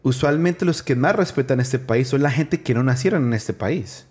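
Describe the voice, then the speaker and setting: A man from Colombia hosting a casual interview, chatty, with quick restarts, who acts out the quotes he tells. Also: medium pitch, a little mellow. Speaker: podcast host.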